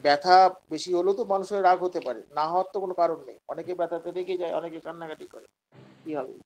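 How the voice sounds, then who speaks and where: A man's voice: on the high side, steady tone, very fast, rough recording. A man with a Bengali accent giving an online lecture on homeopathy, explaining patiently and asking questions that he then answers himself. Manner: acts out quoted patients in a raised voice. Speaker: homeopathy teacher.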